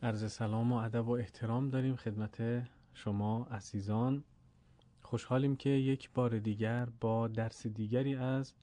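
A man teaching Quran recitation in a recorded lesson. He explains patiently and says example sounds slowly. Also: on the low side, warm tone, no room sound.

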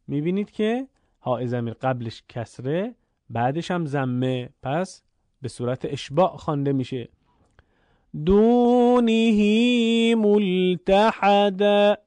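A man teaching Quran recitation, explaining rules clearly and then chanting the examples slowly and drawn out. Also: medium pitch, expressive, a little mellow, dry recording. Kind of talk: recorded recitation lesson.

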